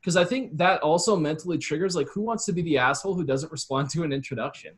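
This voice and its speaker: With a fairly high, slightly rough voice, a man talks fast as an interview guest. He is a copywriting expert offering advice and describing his approach in a relaxed, conversational way.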